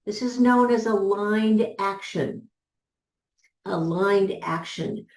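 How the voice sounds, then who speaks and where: A woman business coach giving a motivational teaching talk, measured and repeating key words for emphasis. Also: mid-range voice, a little mellow, reverberant.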